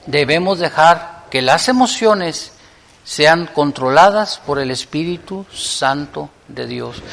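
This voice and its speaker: A man, preaching a sermon as pastor, moving between loud appeals and hushed prayer. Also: a little high, vocal fry, big-room sound.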